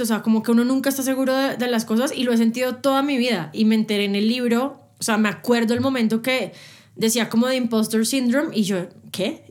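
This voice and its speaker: Fast-talking animated woman storyteller. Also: on the high side. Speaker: guest, TV presenter. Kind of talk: casual interview chat.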